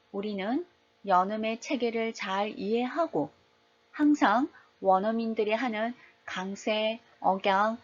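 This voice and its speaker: A woman's voice: mid-range voice, breathy edge. A woman English teacher giving a patient, explanatory lecture on pronunciation and modeling English words aloud. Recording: dull lo-fi recording.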